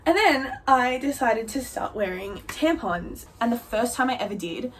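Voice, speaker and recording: A young woman vlogger chatting candidly to camera, her voice jumping up high for emphasis. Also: lively intonation, normal speed, slight background noise. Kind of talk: casual storytelling to camera.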